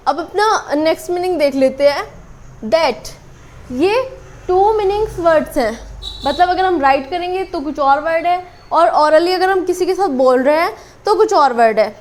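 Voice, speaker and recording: ऊँची आवाज़ वाली महिला शिक्षक. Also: female voice, extremely high pitch. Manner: explains slowly, repeats words with many fillers. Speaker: English teacher. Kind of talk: casual spoken lesson. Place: small room with a board. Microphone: camera on a tripod.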